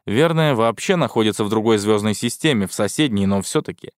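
A man's voice: on the low side, lively intonation, a little fast, smooth, no room sound. Wry male audiobook narrator, dry sound. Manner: wry, sardonic. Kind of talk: scripted first-person sci-fi narration.

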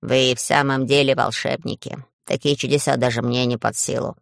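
A grumpy little bearded forest gnome growls out his scolding in a very low, gravelly voice, as a woman puts him on. He sounds suspicious and cross, muttering his complaints. The storybook recording is close and dry. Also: steady tone, moderate pace, no room sound. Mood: softened. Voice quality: low gruff grumbling.

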